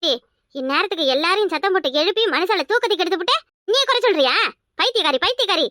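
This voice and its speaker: Cartoon: a nagging Kanyakumari mother-in-law, very high, fast, shrill, dry studio. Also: lively intonation, pushed and bright, no echo, exaggerated voice. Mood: scolding. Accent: Kanyakumari Tamil. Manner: scolding, quick and shrill. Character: sharp-tongued older village mother-in-law. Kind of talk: cartoon voice acting.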